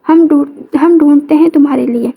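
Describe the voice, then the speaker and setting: A woman's voice: high-pitched, moderate pace, vocal fry, phone-quality sound. A woman voicing an awkward, well-meaning young male student. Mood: earnest.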